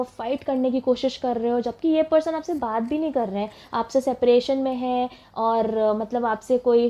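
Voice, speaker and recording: A woman's voice: a little high, mellow, highs cut off. A young woman giving a casual tarot reading, chatting and mixing English phrases into her talk. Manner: chatty, mixes English words into Hindi, laughs as she talks. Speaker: tarot reader.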